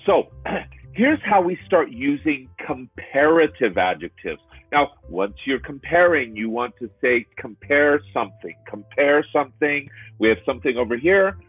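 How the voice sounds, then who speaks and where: A male English tutor speaks very slowly, stretching and repeating each example with a lively, up-and-down delivery. His voice is a bit husky. The sound is dry and narrowband, like a muffled call recording. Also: mid-range voice, no echo. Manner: animated, stretches and repeats words for learners. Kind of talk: slow, drawn-out teaching with examples. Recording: muffled, phone-like online lesson audio.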